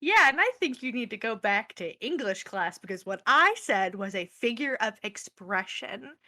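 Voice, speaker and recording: An excitable, giggly woman playing a character in an actual-play tabletop game. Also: fairly high pitch, normal speed. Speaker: player.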